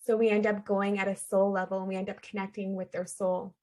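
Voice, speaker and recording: A Canadian woman, a shaman and energy healer appearing as a guest on an interview podcast, earnestly and conversationally explains her spiritual healing practice. Her voice is medium-pitched and darkish, with a flat delivery and a slightly fast pace.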